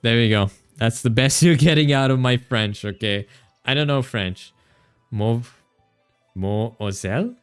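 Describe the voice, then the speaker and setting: A man's voice: mid-range voice, unhurried, clean tone, faint music behind. A man streaming a game, chatting playfully with his chat, teasing and laughing, stumbling as he reads game text aloud. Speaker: VTuber streamer. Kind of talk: casual gaming livestream chat.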